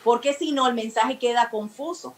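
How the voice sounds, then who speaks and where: A woman's voice: on the high side, normal speed, rough recording. A woman giving talk-show advice on communication in a teaching manner, acting out everyday examples. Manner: didactic, explains with acted everyday examples. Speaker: guest expert on emotional communication.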